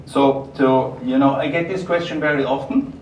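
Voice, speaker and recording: At a roomy event venue, a company presenter with a strong German accent gives a live product presentation and takes audience questions, answering haltingly and repeating phrases. His middle-pitched voice is steady, and the dull, echoey audio is recorded from far off with clear noise behind him.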